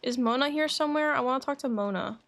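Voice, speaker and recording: Speaking fast in a high voice, a woman chats casually on her game livestream, reading quest dialogue out loud. She thinks aloud and breaks into animated exclamations while faint game music plays behind her.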